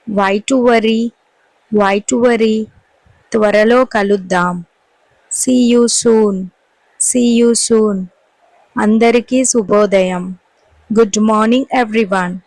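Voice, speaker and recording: A woman teacher, reading short English sentences slowly and clearly and repeating each one for learners. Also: on the high side, a little mellow, dry recording, low-quality recording. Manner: says each Telugu sentence briskly, then repeats the English twice, slow and clear. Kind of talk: language lesson.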